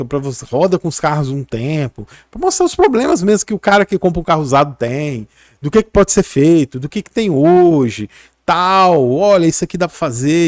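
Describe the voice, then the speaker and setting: Brief: middle-aged man, rambling casual vlog talk, lots of fillers, voice a bit high, dry mic. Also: no room sound. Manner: rambling, chatty, many fillers and tag questions. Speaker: physiotherapist YouTuber.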